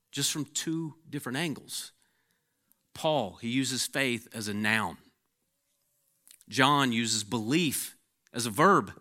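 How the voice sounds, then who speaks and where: A man preaching a sermon, swinging between emphatic peaks and hushed, intense passages, sometimes repeating words as he starts a phrase. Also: fairly high pitch. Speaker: pastor.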